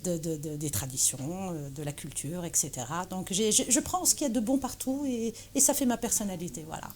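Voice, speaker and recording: A woman's voice: lowish voice, brisk, a little mellow, a little hiss or hum. A woman from Morocco, a guest chatting in an interview with many fillers and restarts. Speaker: guest, association president. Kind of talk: casual interview conversation.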